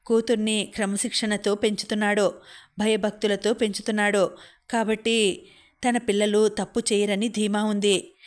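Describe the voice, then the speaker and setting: A woman narrating a novel aloud in a measured, scripted storytelling manner. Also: medium pitch. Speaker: audio-book narrator.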